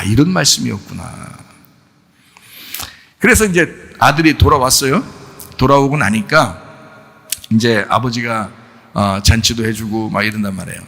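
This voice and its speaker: Gravelly, animated preaching man. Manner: animated, acts out quoted speech with sudden high shouts. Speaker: pastor. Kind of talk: sermon.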